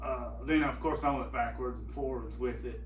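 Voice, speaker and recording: A man's voice: medium pitch, steady tone, normal speed. A man co-hosting a podcast, chatting casually and joking, trailing off with fillers. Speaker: podcast co-host. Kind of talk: casual chat. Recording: echoey room from far off, faint noise.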